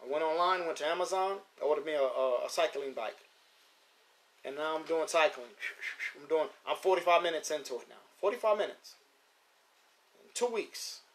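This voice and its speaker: At home near his pigeon loft, a man in his fifties hosts a live stream about his pigeons in a slightly high, fairly bright voice at normal speed, pausing often. He chats in a loose, emphatic street-casual manner and repeats himself to stress things.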